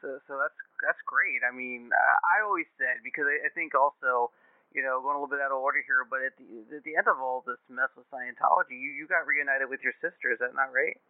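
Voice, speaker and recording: A podcast host rambles casually at a quick pace, his medium-pitched voice full of "uh" fillers and restarts. The sound is dry and narrow, like a phone line.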